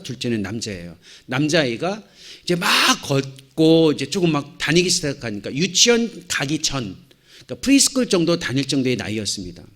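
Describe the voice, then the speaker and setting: In a church hall, a middle-aged missionary pastor with a medium-pitched voice speaks on a handheld mic, delivering a lecture-style sermon to church teachers. He tells stories with animated flair, acting out shouts and dialogue.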